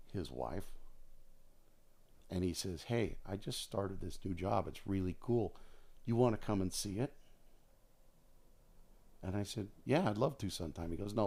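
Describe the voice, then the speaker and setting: Guesting on a podcast, this man, an American in his sixties who retired from air traffic control, talks in a relaxed, storytelling way and repeats phrases to stress his points. His voice sits low and sounds a little mellow.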